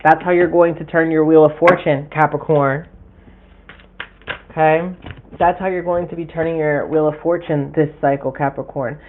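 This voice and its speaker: A man's voice: fairly high pitch, fairly even intonation, normal speed, slight background noise. A man hosting a casual live tarot forecast, chatty and frank with occasional profanity as he talks straight to his viewers. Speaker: tarot reader and livestream host. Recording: tinny phone-like audio.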